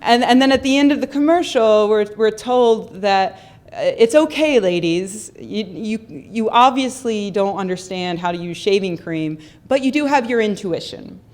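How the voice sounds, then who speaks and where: This young adult woman's voice is medium-pitched, animated and darkish, moving at a moderate pace. Speaking into a handheld or stand microphone on a lecture hall stage, she gives a humorous, sarcastic and skeptical conference talk full of ums and repeated words.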